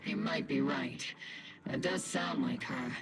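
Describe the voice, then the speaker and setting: A man voicing a calm, reassuring officer in measured video game dialogue. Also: mid-range voice, creaky, music in the background.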